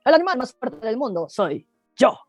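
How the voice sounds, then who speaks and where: A woman's voice: a little high, very animated, normal speed, no room sound, clean studio sound, soft background music. A woman doing a smug storybook elephant. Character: huge proud male elephant, rude and smug.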